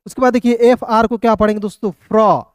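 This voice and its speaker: A man's voice: sits high, steady tone, clean tone, no room sound, studio quality. A man teaching English pronunciation in an online video lesson, spelling words out letter by letter and repeating each one to his viewers. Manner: repetitive, addresses viewers as friends, spells out letters slowly.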